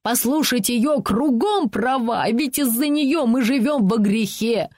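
A woman voicing a blustering, domineering middle-aged man who talks loudly and emphatically in an audiobook. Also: a little high, unhurried, dry recording, studio quality, voice pushed up. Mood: insistent. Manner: loud, emphatic, tag questions.

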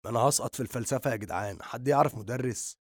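A man voicing a joking teenage boy who smokes, with an Egyptian accent, speaking low and quietly in an audiobook reading. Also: very fast, no echo, studio quality, close to an everyday voice. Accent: Egyptian Arabic.

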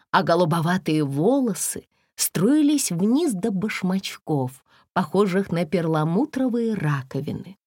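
A woman narrating a fairy-tale audiobook in an expressive, measured storytelling manner. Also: lowish voice, no echo, studio quality.

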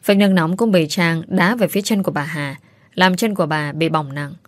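Female storyteller, steady scripted narration, lowish voice, dry close recording. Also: brisk, no room sound.

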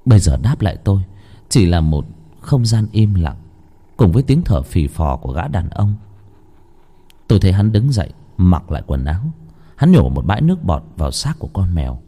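Man with a dark, emotional storytelling voice. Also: deep voice, big pitch swings, moderate pace, slightly rough. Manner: emotional, swinging from hushed to pleading. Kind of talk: dramatic ghost story narration. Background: faint music.

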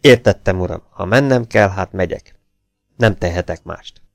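A man's voice: low-pitched, creaky, dry recording, clean studio sound. A man reading an audiobook, voicing an older male butler who answers nervously and evasively. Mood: stubborn. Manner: trembling, evasive, stubborn.

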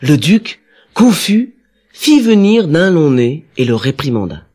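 Conteur expressif d'histoires pour enfants. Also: male voice, a little high, measured pace, slightly rough, faint music behind. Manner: expressive, storytelling. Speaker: narrator. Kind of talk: children's story narration.

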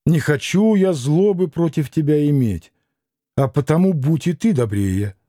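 A man reading an audiobook and voicing a gentle, grieving young man who speaks firmly and earnestly. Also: a little high, expressive, unhurried, dry recording, studio quality. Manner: firm, earnest.

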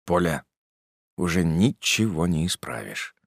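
Audiobook role: man playing a remorseful young man ending it, low quiet firm voice, dry close sound. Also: big pitch swings, measured pace, creaky, no room sound, exaggerated voice. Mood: subdued, firm. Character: guilty young man ending his engagement.

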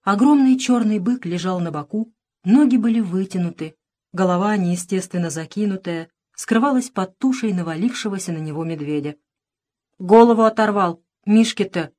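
Woman reading a children's adventure aloud. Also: moderate pace. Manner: dramatic, raising pitch and volume for shouted dialogue. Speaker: audiobook narrator. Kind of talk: audiobook narration with voiced dialogue.

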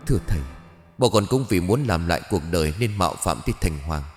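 A man's voice: sits low, expressive, quick pace, in a large hall, faint music behind. A man voicing the polite, pleading ghost of a small boy in a ghost story. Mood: earnest. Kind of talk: audio ghost story reading.

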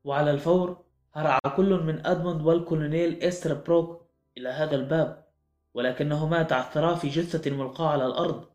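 A man's voice: a little high, fairly even intonation, fast, a little mellow. A man narrating a mystery audiobook in a dramatic, suspenseful manner. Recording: echoey room with faint music.

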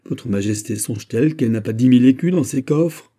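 A man's voice: fairly low pitch, moderate pace, dark tone, husky. Man putting on an anxious queen mother. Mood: urgent. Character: anxious, greedy middle-aged queen mother.

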